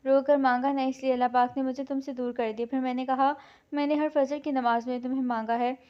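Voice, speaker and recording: A woman's voice: sits high, little pitch movement, a little fast, dull audio, close to an everyday voice. A woman voicing a heartbroken young woman. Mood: pleading. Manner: pleading, distraught.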